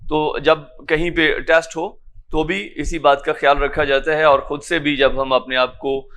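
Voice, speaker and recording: High-voiced man teaching Quran recitation. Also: flat delivery, a bit bright. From Pakistan. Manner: explains patiently, checks understanding with questions; chants example words slowly. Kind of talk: classroom lecture. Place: lecture room in an academy.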